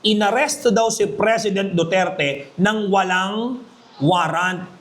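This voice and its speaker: Man, high pitch, emphatic jokey review lecturer, echoey classroom. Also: slow pace, a bit bright. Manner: emphatic, jokey, keeps asking "Maliwanag?". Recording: echoey room.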